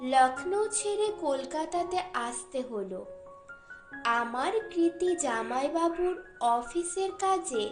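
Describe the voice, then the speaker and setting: This audiobook narrator, a high-voiced woman, takes her time with a short story, leaving pauses between phrases in a deliberate, measured reading. Her voice sounds reverberant.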